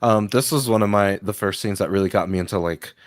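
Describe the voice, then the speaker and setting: A man's voice: fairly low pitch, fast talker, dry recording, studio quality. A man co-hosting a podcast watch party, explaining film details eagerly in casual chat. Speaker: podcast co-host.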